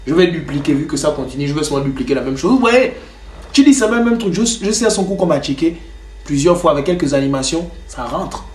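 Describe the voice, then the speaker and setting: In his bedroom, a young home music producer and rapper talks to the camera in a casual tutorial, explaining his beat. His voice is fairly high, expressive and quick, and his loose, chatty delivery is packed with fillers like "genre," with the room giving off a roomy echo.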